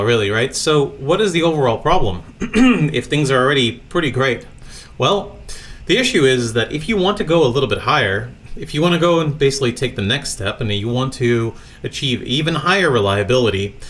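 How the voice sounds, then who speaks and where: A man's voice: mid-range voice, a bit bright. A man from Latvia presenting a recorded conference talk from a home office, speaking casually with many fillers.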